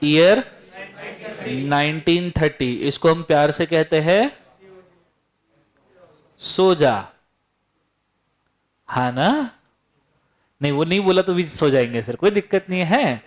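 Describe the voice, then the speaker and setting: A man with a notably high voice teaches a classroom full of students. He, and he keeps things lively and teasing, firing questions at the class as he goes. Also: measured pace. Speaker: law teacher. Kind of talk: classroom lecture.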